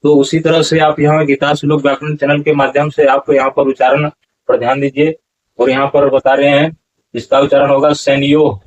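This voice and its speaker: A man giving a lesson on correct verse pronunciation, slowly drawing out example words and correcting common mistakes in a repetitive teaching manner. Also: on the high side, flat delivery, lo-fi sound. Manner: slow deliberate syllable-by-syllable chanting of examples. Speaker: Gita recitation teacher.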